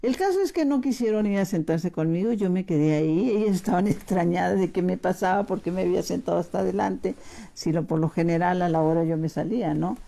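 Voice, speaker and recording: A middle-aged woman preaching a personal testimony, her voice low-set and mellow. She tells her story warmly to her listeners, climbing higher for emphasis and then dropping to a hushed near-whisper. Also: a little fast, creaky. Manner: storytelling, addresses listeners as brothers, rising and hushing for emphasis. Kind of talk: testimony sermon.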